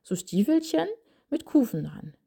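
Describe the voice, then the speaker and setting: A woman's voice: on the high side, sing-song, unhurried, gravelly, dark tone, husky, pitched above the performer's own voice, exaggerated voice. A woman voicing a stubborn little child who pleads for glittery sandals in a childlike singsong. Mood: pleading.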